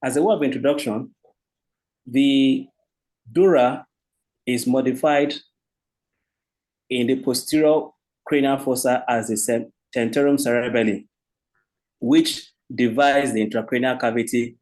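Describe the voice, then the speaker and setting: Man, Nigerian accent, formal lecture, halting delivery, medium pitch. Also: animated, a little mellow, rough recording. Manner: formal, halting, restarts mid-sentence. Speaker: presenting doctor. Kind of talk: academic lecture presentation.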